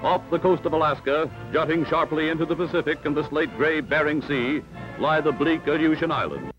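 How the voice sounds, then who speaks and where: A man with a fairly high, brisk voice narrates a 1940s newsreel in a dramatic, emphatic announcer style. The old soundtrack is dull and lo-fi, with loud music in the background.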